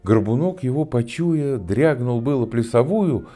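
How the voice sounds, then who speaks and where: A man's voice: medium pitch, animated, unhurried, mellow, soft background music. A man in his sixties from Russia, a stage actor reading a fairy tale in rhythmic verse with theatrical delivery. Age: 60s. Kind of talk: storytelling in rhyming verse.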